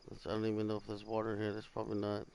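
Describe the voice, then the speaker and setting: Weary, gravelly-voiced man chatting over gameplay. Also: lowish voice, completely flat delivery, rapid-fire, slight background noise. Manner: tired, rambling, swears casually. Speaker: gamer streaming survival gameplay. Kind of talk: casual gameplay commentary. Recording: loud game ambience of crickets and animals.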